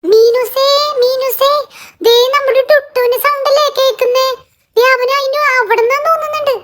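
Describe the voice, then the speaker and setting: A woman's voice: very high-pitched, steady tone, normal speed. A woman voicing a cheerful, caring little boy doll in a children's doll story, calling out eagerly and reassuring his friend.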